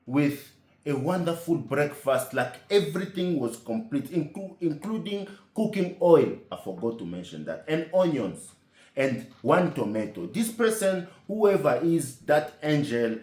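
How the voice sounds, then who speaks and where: Man, comic storyteller, lively indignant delivery, echoey room, loads of rhetorical questions. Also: on the high side.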